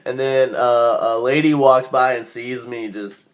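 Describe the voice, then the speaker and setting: A man's voice: medium pitch, steady tone, unhurried. A young man telling a rambling, crude personal anecdote and laughing often as he goes. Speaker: storyteller.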